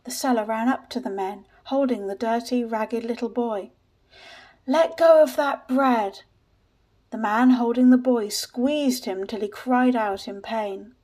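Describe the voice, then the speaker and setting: Woman reading a story, somewhat high voice. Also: warm tone. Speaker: narrator.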